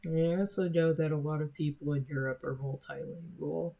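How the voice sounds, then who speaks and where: A young adult streamer from the United States, whose first language is Spanish, chats casually with viewers, slow and hesitant with lots of fillers. The voice sits mid-range with a steady, dark, creaky tone, and the recording sounds muffled.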